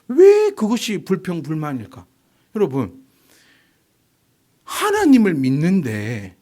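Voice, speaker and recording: A man's voice: sits high, a little mellow. A pastor in his forties preaching a sermon, firing rhetorical questions at the congregation. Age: 40s.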